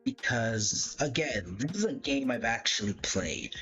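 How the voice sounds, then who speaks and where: A livestream host gives casual commentary while ranking game characters, thinking aloud hesitantly and often correcting himself. His medium-pitched voice is expressive, pushed and bright, and a little slow. The dull lo-fi mic has background music behind him.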